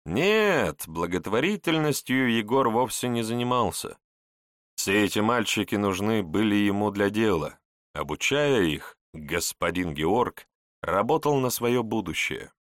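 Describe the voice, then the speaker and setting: A man narrating an audiobook in a measured storytelling manner. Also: lowish voice, no echo, studio quality.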